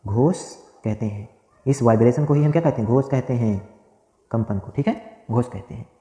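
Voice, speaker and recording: Speaking at a normal pace, a man whose mid-range voice is mellow and dark dictates grammar notes to a class, saying every phrase more than once and answering questions he asks himself. The recording was made in an echoey room with long reverb, giving it a roomy, lingering tail.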